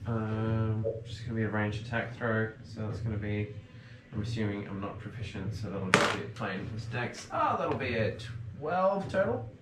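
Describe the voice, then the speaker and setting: Low-voiced man, hesitant player. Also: animated, moderate pace. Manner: hesitant, lots of ums, reads rules aloud. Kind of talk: tabletop game play. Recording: echoey room with noise.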